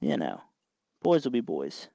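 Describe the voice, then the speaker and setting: Hosting a DIY electronics tutorial, a man explains each step patiently in a casual, folksy way as he works with his hands. His medium-pitched voice is unhurried, creaky and dark in tone, swinging hugely in pitch, with no room sound.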